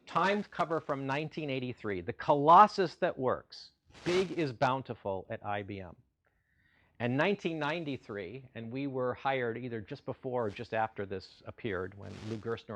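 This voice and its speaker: A man's voice: medium pitch, a little hiss or hum. A middle-aged man giving a corporate keynote with polished enthusiasm, repeating phrases for emphasis. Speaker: CEO keynote speaker.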